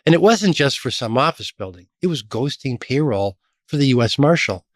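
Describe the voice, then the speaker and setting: A middle-aged man from Chicago, a guest in an interview, telling lively stories about his career. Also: normal speed, no echo, studio quality. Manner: animated storyteller, lively pitch jumps. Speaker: podcast guest, association executive. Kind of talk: storytelling interview.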